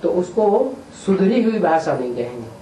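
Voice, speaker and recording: A man's voice: high voice, sing-song, normal speed, dark tone. A man acting as spiritual teacher, answering questions in a patient explaining manner and often checking with a rhetorical question. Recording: echoey room, distant mic, faint hiss.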